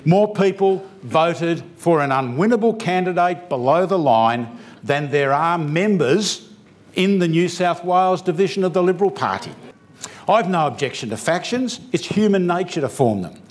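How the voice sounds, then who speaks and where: An older man speaks at a lectern in a conference hall, his voice sitting a little high. He delivers a formal speech in a measured, deliberate way, pausing between phrases. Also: expressive. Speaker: convention speaker.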